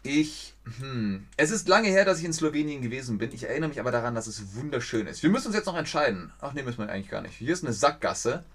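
A man's voice: medium pitch, lively intonation, fast, few pauses, a bit bright. A young man streaming a geography guessing game, thinking aloud, reading viewers' chat and stumbling over foreign place names.

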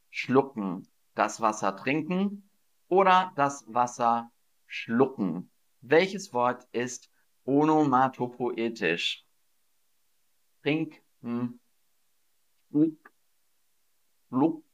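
Slow, lively-voiced male German teacher. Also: medium pitch. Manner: slow, drawn-out teaching delivery with repeated questions; acts out sounds playfully. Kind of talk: livestreamed language lesson. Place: Berlin.

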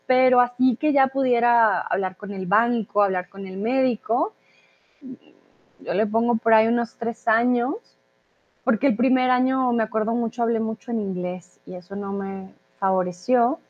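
A chatty woman from Colombia hosts a live language chat, reading viewer questions and answering them with plenty of "eh" fillers. Her voice sits a little high. The sound is thin and narrow, like a phone line. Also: fairly even intonation, moderate pace.

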